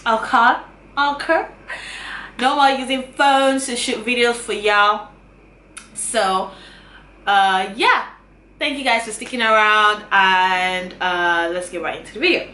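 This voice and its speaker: A woman in her twenties, a YouTuber, speaks casually to camera in a fairly high, fairly even voice, taking it slowly and pausing often. She gives earnest advice and tends to repeat her phrases. The camera mic yields a bright, roomy sound with faint ambience.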